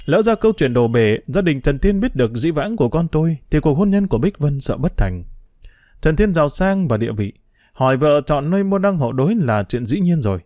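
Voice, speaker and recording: An audiobook narrator reads a first-person diary novel aloud with emotion and expression, his pitch moving widely through each sentence. His voice is dark and mellow, and he reads a little fast. The recording is close and dry, with no room sound.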